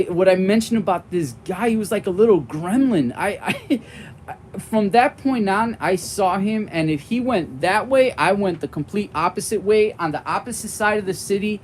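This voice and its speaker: A man in his 40s with a young-sounding, fairly high voice chats casually and rambles off on tangents during a live board game stream, warm and friendly toward viewers. A little hiss or hum is audible.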